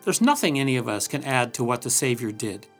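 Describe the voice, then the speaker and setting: A man's voice: mid-range voice, big pitch swings, brisk, a bit bright, faint music behind. A man giving a scripted Bible commentary, telling the story earnestly with dramatic emphasis. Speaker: Bible teacher. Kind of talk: scripted devotional narration.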